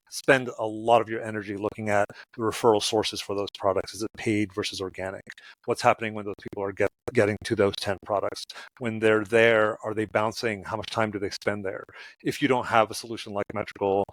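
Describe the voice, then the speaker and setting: A man who is a company cofounder and a guest on an interview podcast, giving practical advice in a measured way. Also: lowish voice, no echo.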